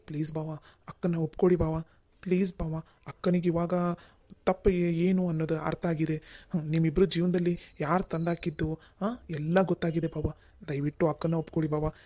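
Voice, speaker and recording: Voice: mid-range voice, little pitch movement, normal speed, warm tone, lightly acted. A voice actor playing an earnest young cartoon brother-in-law who coaxes and pleads with the family. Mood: pleading. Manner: pleading, coaxing.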